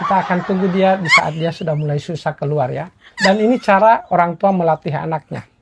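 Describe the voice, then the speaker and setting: A man's voice: fairly high pitch, fairly quick, vocal fry, heavy background noise. A man and father coaching his toddler playfully, chuckling and patiently repeating instructions, recorded at an outdoor playground. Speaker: father and vlog host.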